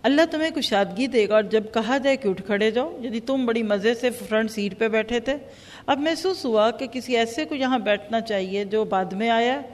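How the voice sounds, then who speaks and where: Woman teacher giving a religious lesson, acts out the quotes, long hall reverb. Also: a little high. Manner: explains with lively acted-out quotes. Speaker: Quran teacher.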